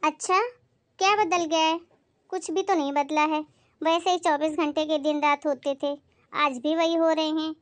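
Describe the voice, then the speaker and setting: A woman playing a sharp-tongued, complaining middle-aged mother-in-law in a comedy skit. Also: high-pitched, fairly even intonation, normal speed, dry recording, lightly acted. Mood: scolding.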